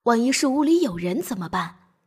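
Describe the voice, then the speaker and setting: Woman playing a nervous little boy in a storybook, hushed, a bit lower, breathy. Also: sing-song, brisk. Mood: worried. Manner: anxious, hushed. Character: cautious worried young boy.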